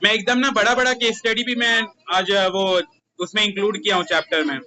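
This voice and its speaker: A man's voice: high-pitched, fairly even intonation, fairly quick, bright, forceful tone, poor audio. A young Indian man, a commerce tutor, talking casually with his class and teasing his students.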